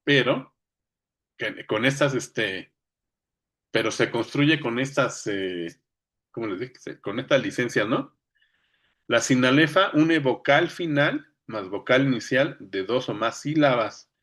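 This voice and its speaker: A man's voice: mid-range voice, animated, slow, a bit bright. A man with a Mexican accent giving an informal lecture, talking conversationally and often checking that listeners are following. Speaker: speaker on poetry.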